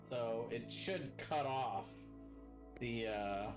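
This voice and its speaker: A man's voice: mid-range voice, extremely slow, soft background music. A man chatting casually as a player in a tabletop game, explaining things in a rambling way.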